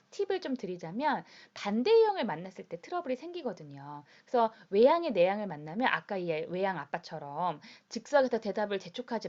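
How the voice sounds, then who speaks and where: A woman's voice: mid-range voice, darkish tone. A woman lecturer explaining personality types to students, speaking directly to her audience in an explanatory way. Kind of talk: classroom lecture. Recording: dull lo-fi recording.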